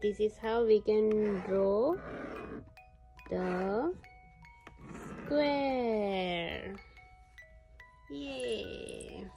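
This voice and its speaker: A woman's voice: mid-range voice, very slow, gravelly, pauses often, music in the background. A woman talking to a toddler in simple, encouraging words as if reading to one, teaching shapes and colors as a mother at play.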